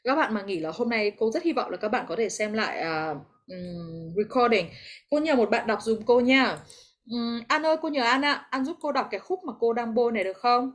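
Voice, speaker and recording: Brisk and animated, a woman with a somewhat high voice and a Vietnamese accent teaches English online through a video call. She takes time to explain clearly and encourages her students along the way.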